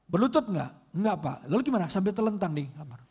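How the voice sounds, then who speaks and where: Animated husky pastor preaching. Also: male voice, high voice, fast talker. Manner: animated preaching, mimics people comically, drops to soft prayerful tone. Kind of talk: sermon.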